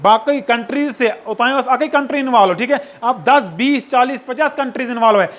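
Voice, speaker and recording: High-voiced man lecturing. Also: fairly quick, fairly bright tone. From Kashmir. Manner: checks understanding with repeated tag questions, mixes in English phrases. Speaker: sociology lecturer. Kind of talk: classroom lecture.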